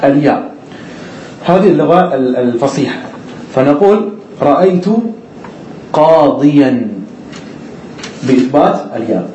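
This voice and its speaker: A man's voice: fairly high pitch, expressive, measured pace, long pauses, dark tone, roomy sound, dull audio, slight background noise. A man teaching an Arabic grammar class, who explains step by step, asks the students questions and repeats the key words.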